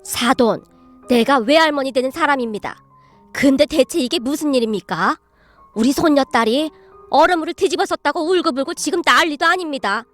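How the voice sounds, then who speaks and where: A stern, blunt elderly grandmother, voiced by a woman narrator, speaking in formal, scolding Korean tones. Her voice sits fairly high. Quiet music hums behind her. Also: a little fast. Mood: polite complaint.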